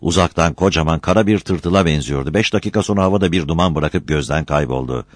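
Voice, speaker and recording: A man narrating a novel in steady audiobook narration. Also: extremely low pitch, fast talker, no echo, studio quality. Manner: steady storytelling.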